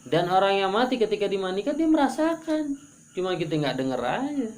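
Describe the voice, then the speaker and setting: A man preaching at an evening study gathering, animated and joking, with sudden jumps in pitch for emphasis. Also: brisk. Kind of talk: religious study sermon.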